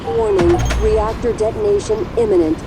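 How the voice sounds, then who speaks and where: A woman voicing a calm female space station computer, giving even announcements in a game. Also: mid-range voice, moderate pace, heavy background noise.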